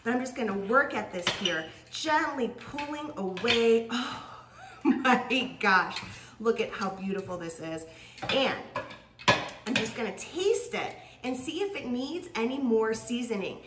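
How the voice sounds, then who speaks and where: Female cooking host, effusive and chatty, a bit high-pitched, recorded off-mic with faint background noise. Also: lively intonation, a little slow. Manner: gushing, exclamatory, laughs often. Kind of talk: cooking demonstration to camera. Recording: echoey room from a distance.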